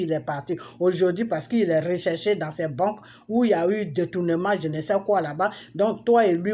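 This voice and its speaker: A middle-aged political commentator from Ivory Coast, speaking with an Ivorian accent in a fairly low pitch, delivers an impassioned, forceful monologue aimed at public figures. She scolds them and repeats phrases for emphasis. It's a noisy amateur recording with background ambience.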